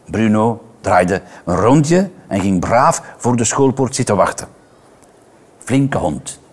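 A man reading a children's story aloud, expressive and playful, switching into voices for the characters. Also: on the low side, slow pace. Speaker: reader.

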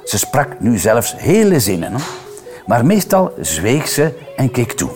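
A man reads a children's story aloud, expressive and playful. His pitch swings in a lively, animated way. Faint music sits underneath the reading. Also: unhurried. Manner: expressive, playful, voices each character. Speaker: reader.

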